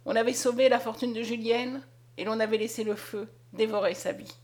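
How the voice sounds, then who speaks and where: A woman narrating a story aloud in a dramatic, expressive reading. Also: a little high, fairly quick. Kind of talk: scripted audiobook narration.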